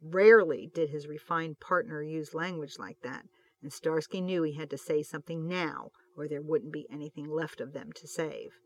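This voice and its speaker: A narrator giving a steady, expressive reading of a fan fiction audiobook with shifting loudness. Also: mid-range voice, normal speed.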